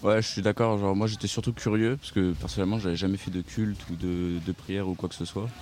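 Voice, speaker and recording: Deep, mellow-voiced teenage boy guest. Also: fast, slight background noise. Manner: relaxed, informal youth speech. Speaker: young guest. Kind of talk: casual interview answers.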